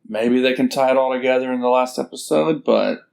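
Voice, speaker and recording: A man's voice: medium pitch, moderate pace, gravelly, a little mellow. A man co-hosting a podcast in casual chat, hesitant, with stammered restarts and many fillers. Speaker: podcast co-host.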